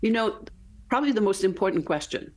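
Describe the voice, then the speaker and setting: A Danish woman in her fifties appears as an author guest on a TV interview, speaking earnestly and emphatically with a Danish accent and often ending points with "right?". Her voice is medium in pitch, with lively intonation and a slightly fast pace.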